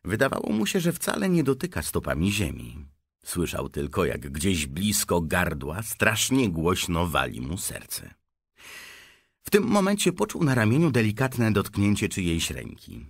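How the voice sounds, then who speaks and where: Slow, gravelly male audiobook narrator. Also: low-pitched, no echo, studio quality. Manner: expressive storytelling. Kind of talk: audiobook reading.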